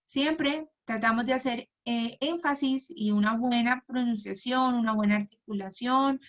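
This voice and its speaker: Casting: higher-pitched woman, patient homeschool teacher, clear careful articulation. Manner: patient, asks "¿verdad?" and "¿sí?" often; slow, clearly articulated model words. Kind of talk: instructional talk to parents.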